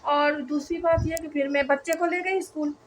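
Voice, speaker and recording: बच्चे के खो जाने की कहानी सुनाती ऊँची आवाज़ वाली महिला. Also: female voice, high voice, steady tone, moderate pace, slight background noise. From Pakistan. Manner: retells events with quoted dialogue, repeats phrases. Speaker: vlogger mother. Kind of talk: emotional storytelling vlog.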